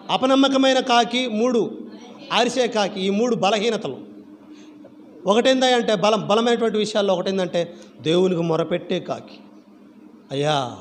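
High-voiced man preaching in echoing hall. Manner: animated, asks the congregation repeated rhetorical questions. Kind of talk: church sermon. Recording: reverberant church hall with faint background noise.

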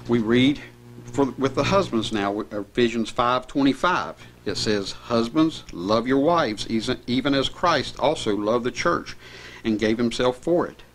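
A middle-aged man preaching a sermon at a pulpit in a small chapel, reading scripture verses in an earnest, steady way. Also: medium pitch, unhurried. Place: small church chapel indoors. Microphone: pulpit mic.

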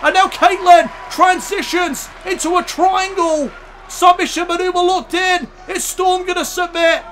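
A man shouting excitable wrestling play-by-play commentary over a video game, straining his voice as he goes. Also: very high voice, a little slow, slight background noise. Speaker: YouTube gaming commentator.

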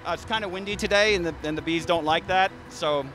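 A high-voiced beekeeper in his thirties talks fast, explaining things casually to an interviewer beside beehives in a garden. Relaxed and loose, he restarts often and fills pauses. He holds a handheld interview mic, and soft music plays in the background.

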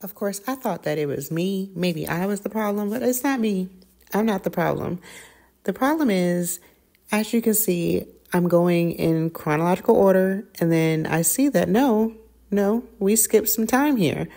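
A woman's voice: mid-range voice, a little slow, dark tone. A middle-aged woman vlogging casually at home, chatty and self-correcting with many fillers, recorded on a camera at her dining table. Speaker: lifestyle vlogger. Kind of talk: casual vlog chat. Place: home dining room, indoors.

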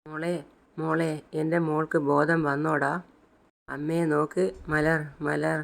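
A man's voice: a little high, little pitch movement, unhurried, vocal fry. A man doing a tearful pleading mother. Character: grieving poor mother at her sick daughter's bedside. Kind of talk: retold serial drama.

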